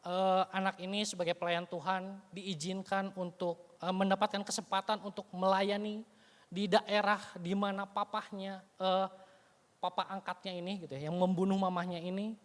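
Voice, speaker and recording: A man's voice: sits high, level tone, normal speed. A man preaching a sermon, telling a story in a conversational way with frequent casual tag phrases. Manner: conversational, frequent "you know" tags, dramatic retelling. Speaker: evangelist preacher. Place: church sanctuary. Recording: long church hall reverb.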